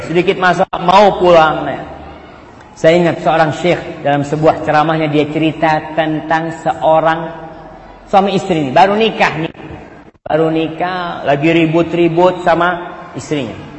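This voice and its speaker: A man preaching a sermon, telling a story and acting out its dialogue, dropping between loud and soft passages, mixed in. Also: fairly high pitch, slight background noise. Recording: roomy hall with long reverb, faint ambience.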